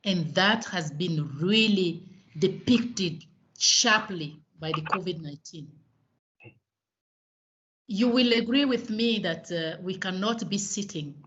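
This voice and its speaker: A woman's voice: on the low side, fairly bright tone. A woman director giving an earnest, emphatic welcome speech over a video call. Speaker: regional director opening a meeting. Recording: slightly dull video-call audio.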